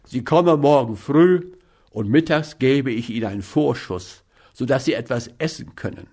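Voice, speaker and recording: A man's voice: mid-range voice, normal speed, a little mellow, breathy edge. A man reading a story aloud and voicing a surly, well-fed man who snarls scornful remarks between bites of meat pie. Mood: scolding. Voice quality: snarling, barking. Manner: curt and scolding. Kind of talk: audiobook character voice.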